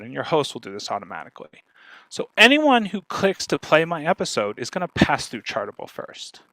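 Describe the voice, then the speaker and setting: A man appears as a guest speaker in an informal online marketing talk, explaining things emphatically and conversationally. His voice is medium-pitched with a sharp tone, recorded with no echo.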